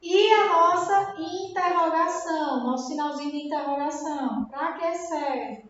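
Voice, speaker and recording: Brazilian teacher lady, high voice, lots of "tá?" and "entendeu?", super echoey dull recording. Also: a little slow, a bit bright. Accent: Brazilian Portuguese. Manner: didactic, checks understanding with tag questions. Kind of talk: recorded classroom lesson. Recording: very echoey room, dull sound.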